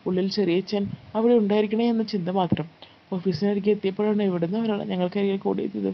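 A woman narrating a first-person life story in a calm, steady storytelling read. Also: medium pitch, quick pace, gravelly. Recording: slightly muffled with faint background noise.

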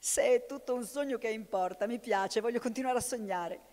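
A woman voicing an astonished, gentle male poet who stammers at times, in a storybook reading recorded in a hall with long reverb. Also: fairly high pitch, brisk, pitched above the performer's own voice, natural voice. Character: amazed gentle male poet, dreamy and kind.

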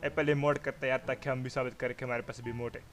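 A man with a Pakistani Urdu accent commentates his own game in a comic, excitable way. He calls enemies names and reacts loudly to every shot. Background music plays under his voice the whole time. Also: mid-range voice, quick pace. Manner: excitable, mock-insulting, shouting at opponents. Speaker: gamer giving funny commentary.

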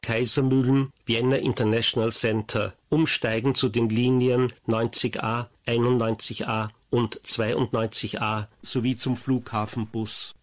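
A man reading formal, measured, scripted subway station announcements. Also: mid-range voice, flat delivery, soft background music. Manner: formal, measured listing of stops and transfers.

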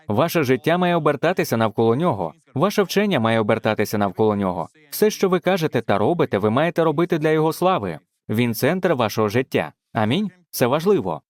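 Fervent male preacher, lively pitch. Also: dry recording. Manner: fervent, punctuated with exclamations of praise. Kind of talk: dubbed sermon.

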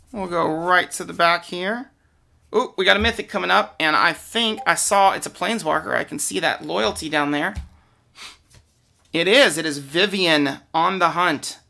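A man's voice: sits high, creaky, sharp tone. A man giving casual, off-the-cuff unboxing commentary as he opens card packs, often hesitant and trailing off mid-thought. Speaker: card pack opener and commentator.

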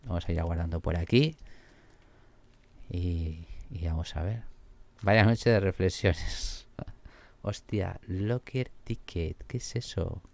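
A man commenting on his game as he plays, excitable and swearing often. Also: deep voice, slow, gravelly, pauses often. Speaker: gaming streamer. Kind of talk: let's play commentary.

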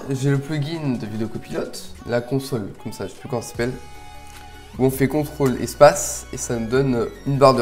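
Chatty man explaining editing software. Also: medium pitch. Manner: relaxed, chatty, slightly rambling. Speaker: video tutorial host. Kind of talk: casual software tutorial.

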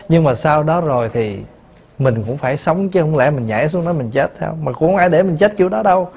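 Male Buddhist monk, conversational dharma talk, rhetorical questions, slightly high voice. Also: a little mellow.

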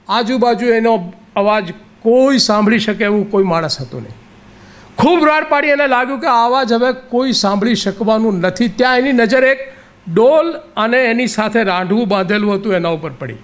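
A man delivers an inspirational talk to an audience, his voice sitting noticeably high. He tells stories in a relaxed, conversational way and circles back to repeat phrases for emphasis. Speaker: lecturer. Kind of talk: inspirational public lecture.

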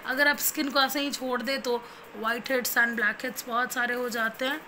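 A woman's voice: a little high, flat delivery, unhurried, noisy background. A young woman and new mother talking casually to her viewers at home, chatty and giving plain advice. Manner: cooing baby talk to her infant; chatty, advising viewers directly. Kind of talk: casual home vlog talk.

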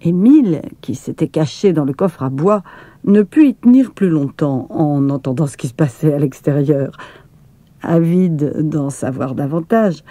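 A woman narrating a children's storybook in a calm, measured reading voice, close to the mic. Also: sits low, no room sound.

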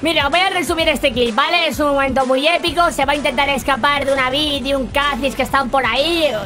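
An excitable woman commentates gameplay clips, her voice pitched high. She sounds sarcastic and exasperated and swears freely. Faint music plays underneath. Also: a little fast.

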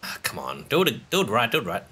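A man's voice: lowish voice, wildly swooping pitch, fast, a bit bright, slightly rough. A man giving let's play commentary, talking to himself as he plays, with frequent exclamations and laughter. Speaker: gaming channel host.

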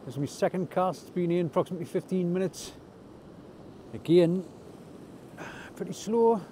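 A man from North East England with a high voice, moderate pace and dark tone narrates a casual fishing vlog while angling from rocks at night in wind and rain. He's chatty, self-deprecating and understated in his humour. The outdoor camera audio picks up faint wind noise.

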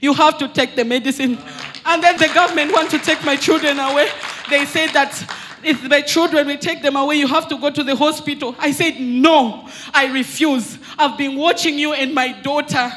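A woman's voice: sits high, steady tone, normal speed, background noise. A young woman from Zambia giving an earnest, emphatic church testimony into a handheld mic in a large hall. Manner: earnest, emphatic, retelling dialogue.

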